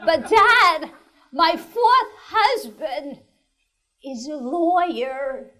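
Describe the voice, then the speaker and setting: A woman's voice: high voice, lively intonation, very slow, pushed and bright, voice pushed up, full character voice. A woman playing a wry, much-married bride who jokes through a toast to her father, in a one-woman stage show.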